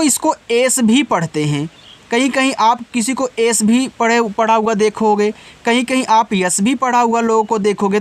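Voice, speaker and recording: A man teaching English words letter by letter, spelling slowly, then explaining patiently and answering his own questions. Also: high voice. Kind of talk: Hindi-language spelling lesson.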